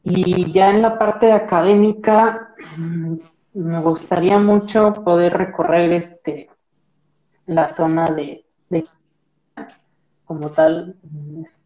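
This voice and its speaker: A young Mexican man speaks as a guest over a laptop video call from a small plain room. His voice is mellow and soft-edged, and he rambles easily, leaning on fillers and little tag questions as he thinks aloud. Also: a little high, dull audio. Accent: Mexican Spanish. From central Mexico. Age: young adult. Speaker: guest, marine biologist. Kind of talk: casual video-call interview chat.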